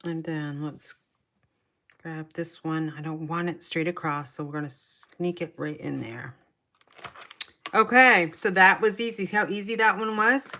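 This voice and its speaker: A woman's voice: low voice, measured pace, bright, forceful tone, slight background noise. A middle-aged woman chatting her way through a paper craft tutorial, talking to herself as she works. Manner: chatty, talks to herself while working. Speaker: papercraft demonstrator.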